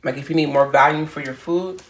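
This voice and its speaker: A woman's voice: sits low, steady tone, brisk. A woman vlogging in a loose, informal way, talking straight to her viewers from her home kitchen. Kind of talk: casual how-to vlog chat.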